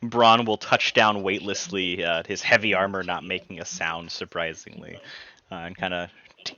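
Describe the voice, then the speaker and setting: Low-voiced man playing a tabletop game. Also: steady tone, normal speed, pushed and bright, no echo, dull audio. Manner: playful, often laughing, slips in and out of a character voice. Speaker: player. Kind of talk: tabletop role-play chat.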